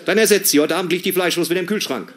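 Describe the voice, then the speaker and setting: A man's voice: high-pitched, rapid-fire, a little hiss or hum, voice pushed up, natural voice. A man voicing his curt, bossy older mother, who gives orders in clipped phrases over the phone. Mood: commanding. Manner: clipped, commanding.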